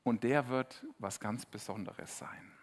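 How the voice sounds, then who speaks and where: A middle-aged man preaching a sermon in a lively, conversational way, acting out the quotes he tells. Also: medium pitch, measured pace.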